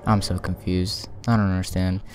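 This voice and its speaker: A man's voice: low-pitched, flat delivery, moderate pace, noisy background. A man giving casual commentary while playing a video game, muttering and swearing in frustration. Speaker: let's play gamer.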